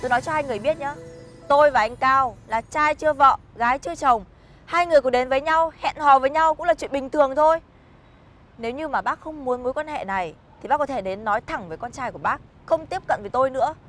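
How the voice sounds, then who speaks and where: Young woman telling off her elders, high voice, rattles it off fast. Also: a bit bright, faint music behind. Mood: defiant. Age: young adult. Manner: blunt, cold, firm retorts. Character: blunt, defiant young woman standing up to elders.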